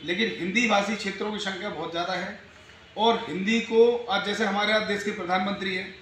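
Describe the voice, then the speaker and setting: Guy with a high voice lecturing earnestly, echoey room, noisy background. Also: fairly even intonation, brisk, fairly bright tone. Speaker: speaker on journalism. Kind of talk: interview answers.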